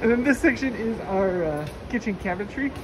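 A woman's voice: medium pitch, lively intonation, brisk. Chatty woman giving a warehouse tour. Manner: chatty, enthusiastic, many fillers. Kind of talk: casual walking tour. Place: large indoor warehouse. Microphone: handheld phone camera, walking. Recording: noisy warehouse ambience.

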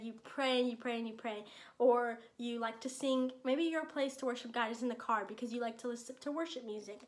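Young female children's church teacher, a bit high voice, friendly and simple, phone recording in a small room. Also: a bit bright. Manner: friendly, explains simply to kids. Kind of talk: children's Bible lesson.

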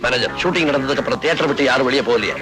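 An actor playing a skeptical police officer with a Tamil accent, giving curt orders. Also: male voice, medium pitch, racing, natural voice, poor audio. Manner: curt, commanding. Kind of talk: Tamil film dialogue.

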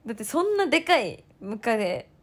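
A very animated former idol turned streamer from Toyama, Japan, in her twenties, tells a story in a casual chat. Her high voice jumps around a lot as she acts out what others said in fast bursts of quoted speech, laughing often.

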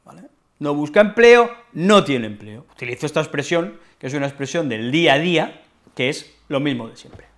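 A man from Spain with a Peninsular Spanish accent teaching colloquial expressions in a relaxed, playful way, acting out short dialogues. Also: on the high side, normal speed. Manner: playful, acts out little dialogues with his brother. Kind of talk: casual explanatory lesson with acted examples.

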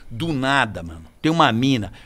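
A man's voice: medium pitch, moderate pace. A man from Rio de Janeiro with a Carioca accent, telling casual, swearing anecdotes as a podcast guest. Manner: animated, swearing, laughing anecdotes. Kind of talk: casual storytelling.

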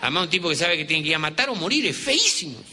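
A man's voice: a little high, big pitch swings, racing, pushed and bright. A man with an Argentine accent telling humorous stories, chatting with the audience and speaking to them directly. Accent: Argentine Spanish. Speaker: storyteller. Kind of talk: humorous folk storytelling. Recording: reverberant hall with faint noise.

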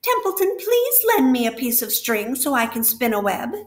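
A woman's voice: a little high, normal speed, fairly bright tone, pitched above the performer's own voice, close to an everyday voice. A woman voicing a lazy, grumpy male rat who grumbles and mocks with sarcasm, heard with a roomy echo. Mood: grumbling.

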